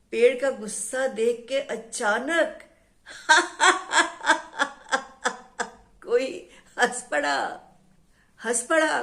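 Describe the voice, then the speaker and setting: A woman storyteller telling a children's tale in a slow, lilting way. Her voice sits fairly high. She repeats words in rhythm and often puts questions to her listeners. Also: creaky.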